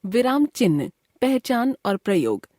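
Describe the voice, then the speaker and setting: A woman's voice: a little high, big pitch swings, darkish tone, no echo, studio quality. Woman reading a grammar lesson. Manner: clear, measured classroom explanation. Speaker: teacher. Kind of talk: scripted grammar lesson narration.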